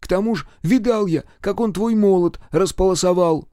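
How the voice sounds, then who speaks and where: A male audiobook narrator voicing a nervous young male villager who talks in a high, agitated, pleading way. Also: moderate pace, dark tone, clean tone, dry recording, clean studio sound, lightly acted. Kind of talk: audiobook character voice.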